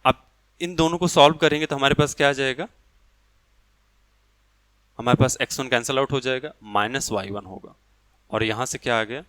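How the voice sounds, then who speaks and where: A man's voice: mid-range voice, a bit bright, no room sound. Man, math lecturer, asks and answers himself, dry close sound. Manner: explains step by step, asking and answering his own questions. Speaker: math teacher.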